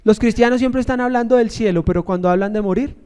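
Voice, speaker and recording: A man's voice: high voice, fast talker, a little mellow, clean tone. A man, a pastor, preaching a sermon in a conversational storytelling way, joking and asking the congregation questions.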